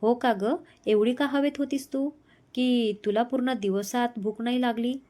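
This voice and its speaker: A woman's voice: a little high, fairly even intonation, measured pace, mellow, lightly acted. A woman voicing a young husband who talks to his wife in a teasing, affectionate way, read in her own voice as part of a storybook reading.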